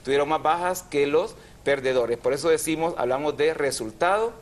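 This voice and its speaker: A man's voice: on the high side, moderate pace. A man hosting a TV language program, explaining grammar patiently and drawing out syllables. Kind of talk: didactic TV chat.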